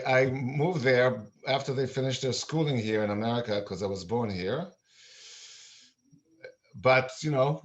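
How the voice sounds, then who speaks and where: An older man from Israel, now a musician, talking earnestly and haltingly with many fillers on a video call. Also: lowish voice. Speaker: musician and meditation guest. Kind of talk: casual video-call chat. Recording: dull lo-fi video-call audio.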